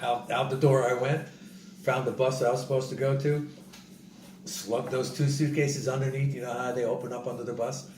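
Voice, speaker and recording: A man telling a casual story in an animated way, repeating himself and acting out what other people said. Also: mid-range voice. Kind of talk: casual spoken travel story. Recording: roomy, distant mic, noisy background.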